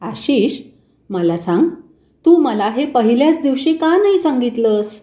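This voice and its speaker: A woman playing a caring mother who lectures her son calmly and gently. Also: a little high, measured pace. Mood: gentle. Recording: roomy echo.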